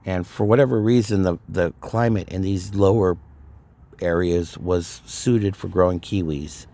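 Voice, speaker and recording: Middle-aged man, lowish voice, rambling, casual ghost-story telling, lots of fillers. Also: unhurried, dark tone. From California. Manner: rambling, frequent fillers and restarts, laughs at himself.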